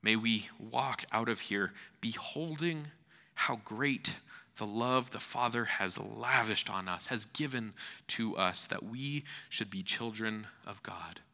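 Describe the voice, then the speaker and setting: Bright, forceful male preacher in a reverberant hall. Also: lowish voice, gravelly. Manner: earnest, rhetorical, dramatic pauses and repetition. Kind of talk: sermon.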